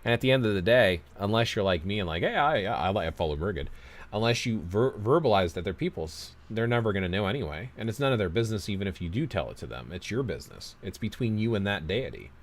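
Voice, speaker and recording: A man's voice: on the low side, lively intonation, quick pace. A man hosting a casual livestream, reading out viewer comments and giving long, rambling, self-deprecating opinions. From United States.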